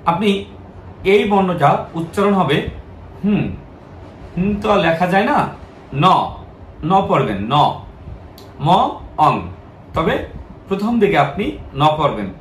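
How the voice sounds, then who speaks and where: Slow, high-voiced man teaching syllables. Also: expressive, reverberant, slight background noise. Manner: patient, repeats each syllable in drills. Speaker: Japanese language teacher. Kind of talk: slow spoken lesson, reading syllables aloud.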